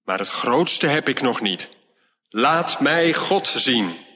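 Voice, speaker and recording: A man's voice: mid-range voice, animated, slow pace, bright, forceful tone, heavily acted. A man reading a storybook aloud and voicing a blustering, demanding king in a commanding tone. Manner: commanding, imperious. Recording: long hall reverb.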